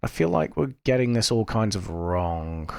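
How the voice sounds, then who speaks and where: A lowish, resonant, clear voice with a sing-song, creaky quality belongs to a British gamer streaming from the UK, speaking at a moderate pace. In clean studio sound with no room sound, he rambles casually and self-deprecatingly to chat through his commentary, still coughing now and then from a lingering cough.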